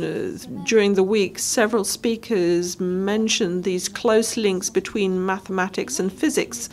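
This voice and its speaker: A woman giving live interpretation of a lecture, speaking in short halting phrases and correcting herself as she goes. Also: mid-range voice. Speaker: simultaneous interpreter.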